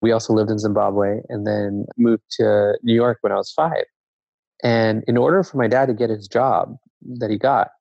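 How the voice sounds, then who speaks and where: A man from Zambia, a guest in a casual conversation, speaking in a reflective, measured way and often restarting his sentences. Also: lowish voice, gravelly, a little mellow, dry recording. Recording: dull lo-fi dry sound.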